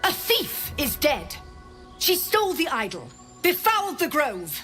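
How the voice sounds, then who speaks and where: A woman playing a proud, bitter druid in a video game, sharp and scornful. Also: sits high, huge pitch swings, measured pace, exaggerated voice. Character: defiant, ruthless female druid, proud and bitter. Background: game music.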